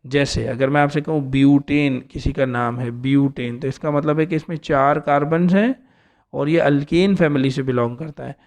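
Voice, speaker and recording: A man's voice: mid-range voice, steady tone, normal speed, a little mellow. A man teaching an organic chemistry lesson, explaining step by step and often checking in with his students. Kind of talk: classroom lecture.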